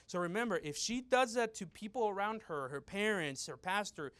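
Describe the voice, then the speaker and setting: Animated bilingual young man preaching. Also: high-pitched, moderate pace, clear, resonant tone. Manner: switches between English and Spanish, animated mimicry of loud women. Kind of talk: bilingual church teaching, storytelling.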